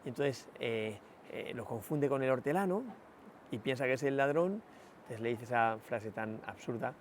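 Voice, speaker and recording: Reflective priest. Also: male voice, medium pitch, expressive, moderate pace, slight background noise. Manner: reflective, many rhetorical "¿no?" asides and hesitations. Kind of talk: spoken meditation, sermon.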